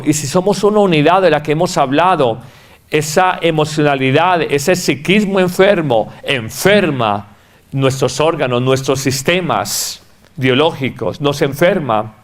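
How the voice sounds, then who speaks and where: Predicador paisa de voz algo aguda. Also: male voice, on the high side. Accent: Colombian Paisa (Antioquia). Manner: emphatic and repetitive, acting out quoted voices. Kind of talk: sermon.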